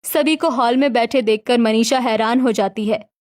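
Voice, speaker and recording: A woman narrating a cartoon story in a steady, plain way. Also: on the high side, normal speed.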